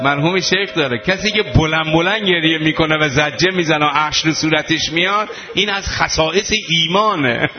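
A man's voice: on the high side, muffled recording. A man preaching an impassioned mourning sermon, his voice breaking into weeping and wailing.

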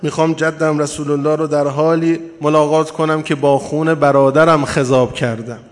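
A man's voice: on the high side, little pitch movement, close to an everyday voice. A man voicing two frightened, pious orphan boys who plead for their lives, in a tearful storytelling delivery. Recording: long hall reverb.

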